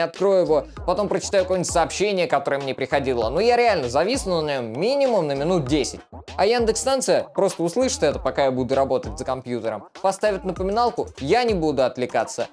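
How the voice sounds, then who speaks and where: Young male tech reviewer, lively swinging intonation, casual delivery, music underneath. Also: a little high, quick pace. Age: young adult. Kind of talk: casual gadget review to camera. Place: small furnished room indoors. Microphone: clip-on lapel mic.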